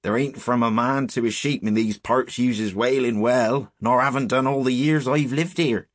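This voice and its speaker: A man performs an old English shepherd from a storybook. He speaks with a rural accent in an emphatic, grave way, full of caution. The sound is dry and slightly husky. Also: mid-range voice, normal speed, no room sound, voice pushed up, natural voice. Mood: startled. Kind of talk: storybook character voice.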